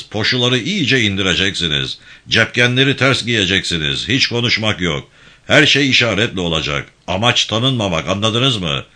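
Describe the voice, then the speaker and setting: A man voicing a stern, commanding male militia band leader who gives hushed orders. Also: lowish voice, voice pushed up.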